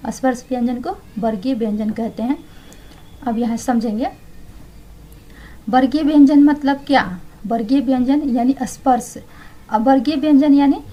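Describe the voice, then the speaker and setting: A woman's voice: a little high, mellow, low-quality recording. A young woman teaching exam answers, explaining each one and then repeating it to check understanding.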